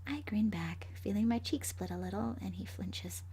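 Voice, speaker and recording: A woman voicing the gleefully vengeful ghost of a five-year-old girl in a horror story, hushed and haunting, breathy, often slipping into a whisper. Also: mid-range voice, moderate pace. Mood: haunting, whispery. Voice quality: breathy, husky. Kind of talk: first-person horror story narration.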